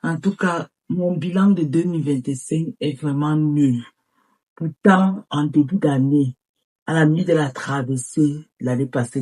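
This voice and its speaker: A woman's voice: low voice, dark tone, husky, distant mic. An actress playing an exasperated woman lamenting that none of her plans for the year came true, with emotional, exclamatory outbursts. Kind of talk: comic-dramatic film acting.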